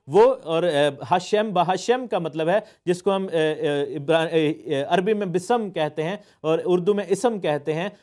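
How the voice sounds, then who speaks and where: A man's voice: high-pitched, darkish tone. A man, a pastor teaching a sermon, explaining word meanings with frequent hesitations and English phrases mixed in.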